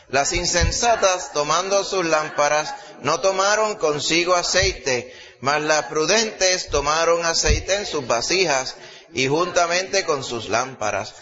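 Bright-voiced Puerto Rican pastor. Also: male voice, a little high. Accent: Puerto Rican Spanish. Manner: emphatic preaching, earnest petitions. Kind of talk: sermon and spoken prayer. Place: church service. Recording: dull lo-fi recording.

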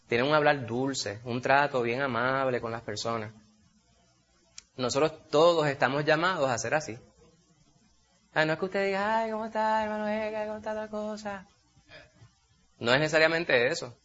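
A man preaching a sermon, animated, asking rhetorical questions and calling his listeners brother. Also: medium pitch. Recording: dull lo-fi recording.

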